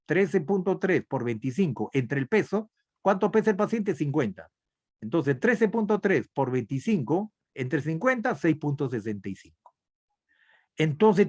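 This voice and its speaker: Slow, lively Peruvian teacher on a video call. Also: male voice, a little high. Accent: Peruvian Spanish. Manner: asks questions and answers them himself, step by step. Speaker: nursing instructor. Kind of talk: online class lecture.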